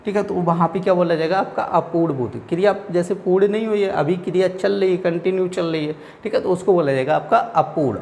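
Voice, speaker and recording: Hindi teacher drilling exam answers. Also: male voice, fairly high pitch, creaky, a little mellow, slight background noise. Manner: repeats questions back to students, frequent "theek hai". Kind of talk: exam-prep lesson. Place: coaching academy class.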